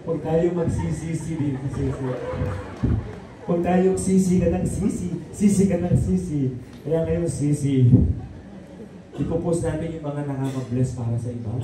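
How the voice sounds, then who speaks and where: A man's voice: sits high, far from the mic, background noise. A man preaching a sermon to a congregation, rousing and calling out for amens and applause. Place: church hall. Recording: very echoey hall, heard from afar.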